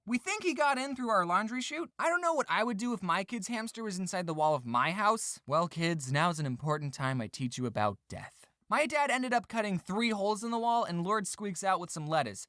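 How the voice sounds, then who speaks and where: A young woman narrates a scripted comedic story, her pitch leaping up and down as she tells it. Her voice is bright and crisp, and her jokes land dry and deadpan. The recording is close and dry, with no room sound. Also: dry recording. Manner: dry, deadpan jokes with sudden mock-dramatic drops. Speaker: storytime creator.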